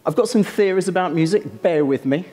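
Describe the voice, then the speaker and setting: A British man, a composer, giving a live conference talk in an animated, excitable, self-deprecating way. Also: high voice, a little fast. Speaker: composer and speaker. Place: stage before a live audience.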